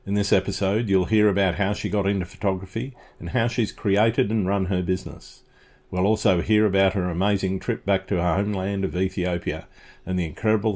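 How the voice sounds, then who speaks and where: A man hosts a podcast, reading a steady intro and then chatting with a guest, saying "uh" often. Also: deep voice. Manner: friendly, steady, says "uh" often. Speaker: podcast host.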